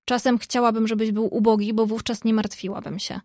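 A woman's voice: a little high, brisk, dry recording, clean studio sound, lightly acted. A woman doing a spirited outspoken young woman. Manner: lively, outspoken.

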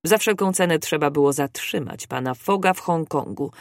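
A narrator reading a classic novel aloud in a steady, even storybook narration. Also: medium pitch, moderate pace, no room sound, clean studio sound. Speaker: audiobook narrator.

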